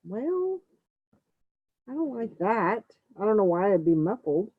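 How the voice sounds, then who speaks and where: A woman's voice: medium pitch, very animated, a little slow, breathy edge. Muffled woman, as if through a wall. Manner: chatty, fussing over audio checks. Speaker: livestream host. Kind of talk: casual live-stream chat. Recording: muffled phone-like dry audio.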